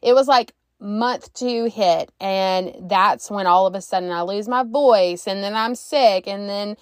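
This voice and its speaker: Woman podcast host, casual and animated, slight cough, dry close sound. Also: medium pitch, unhurried, clean tone, no echo. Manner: chatty, animated, acts out quotes. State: recovering from a cough.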